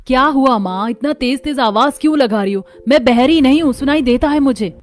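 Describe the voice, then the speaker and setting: A woman voicing a sharp-tongued young daughter-in-law in an animated story. She talks back loudly and quickly. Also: sits high, natural voice. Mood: defiant.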